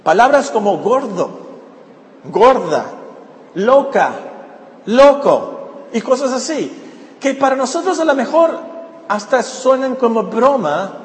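A man's voice: extremely high pitch, sing-song, takes it slowly, pauses often. A man preaching a sermon as pastor, emphatic and repeating his key words. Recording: roomy echoey hall with faint ambience.

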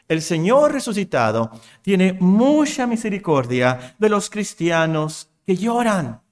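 A man preaching a sermon, emphatic, repeating phrases and asking rhetorical questions. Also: on the high side.

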